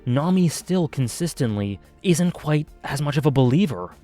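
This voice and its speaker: A man's voice: fairly high pitch, animated, moderate pace, warm tone, soft background music. A man casually reviewing an anime arc, thinking aloud with many fillers and self-corrections.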